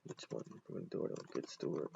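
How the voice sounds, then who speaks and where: A man's voice: fast talker, dark tone, lo-fi sound. A man in his forties, an accountant, chatting casually as he thinks aloud through a walkthrough and talks to viewers directly.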